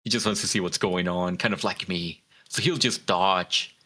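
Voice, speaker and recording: Bright-voiced man thinking aloud. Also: low-pitched, steady tone, normal speed. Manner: musing, hesitant with fillers. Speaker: player. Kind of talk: casual chat in a tabletop game.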